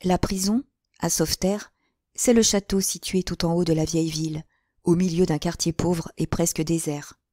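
Woman audiobook narrator, lowish voice, dry close sound, measured. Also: fairly even intonation, dark tone, no echo. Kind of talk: scripted narration of a classic novel.

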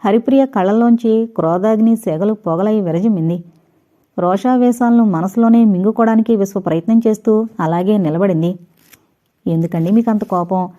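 A woman reads an audio novel aloud in an even storytelling manner. Her voice is warm and mellow, and the recording is somewhat dull and lo-fi. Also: medium pitch, a little fast. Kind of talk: scripted narration.

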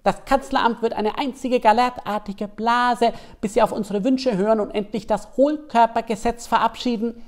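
A man doing a high, scheming Easter bunny. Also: steady tone, moderate pace. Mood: gleeful. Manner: gleeful, plotting. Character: scheming male Easter bunny, conspiratorial, excitable.

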